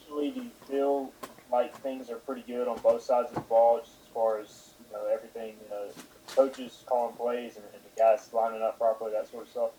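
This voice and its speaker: A man's voice: mid-range voice, little pitch movement, fairly quick, dark tone, a little hiss or hum, rough recording. A man, a sports reporter, asking a coach a loosely phrased question at a press conference.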